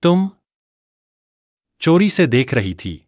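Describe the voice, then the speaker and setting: A man's voice: fairly high pitch, big pitch swings, slow, darkish tone, no room sound, muffled recording. A man dubbing a commanding general in a drama, giving short, curt orders.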